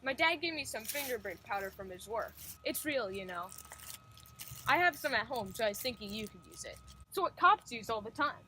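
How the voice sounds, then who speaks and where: A woman's voice: fairly high pitch, lively intonation, normal speed, pushed and bright, a little hiss or hum, poor audio. A woman voicing Les, a boastful policeman's son with a smug, show-off manner, in an amateur audio drama.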